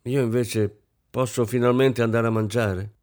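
A man's voice: medium pitch, fairly even intonation, normal speed, darkish tone, natural voice. A man voicing a tired maid who answers with stiff, resentful politeness. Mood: sullen. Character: tired, put-upon young maid.

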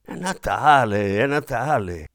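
A man voicing a stout, genteel middle-aged gentleman in an audiobook, cordial and a little awkward. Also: mid-range voice, lively intonation, normal speed, no room sound, studio quality, close to an everyday voice. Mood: hurried. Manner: cordial, breezy. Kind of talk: audiobook character reading.

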